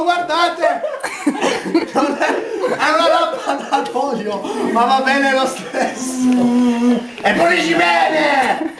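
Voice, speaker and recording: Man doing a frantic, high-pitched infomercial pitchman. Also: far from the mic. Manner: shouting, excitable, exhorting. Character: frantic male infomercial pitchman selling to housewives. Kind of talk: parody infomercial sales pitch. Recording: echoey room, loud crowd behind.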